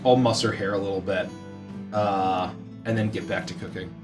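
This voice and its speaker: A man's voice: sits low, fairly even intonation, moderate pace, far from the mic, music in the background. A man improvising his character's actions as a player in a tabletop role-playing game.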